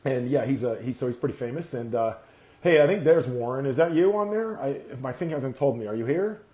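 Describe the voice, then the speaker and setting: A man's voice: mid-range voice, animated, a little fast, mellow, roomy sound. A man from California hosting a casual live talk show, rambling and filling time with many "uh"s while he waits for guests. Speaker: host. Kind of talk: casual livestream chat. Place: indoor room, seated on a sliding chair.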